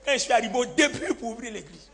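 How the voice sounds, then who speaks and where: A man preaching with a bright, tense, high voice that has a gravelly edge. He tells his story as a sermon and acts out the other people's words. A long hall echo trails after him, with faint music underneath. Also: quick pace. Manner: animated, acts out quoted lines, laughs often. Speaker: pastor.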